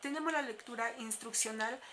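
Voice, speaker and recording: A woman, a teacher explaining a class lesson in a steady, explanatory way with frequent filler sounds. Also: fairly high pitch, a little fast, slight background noise.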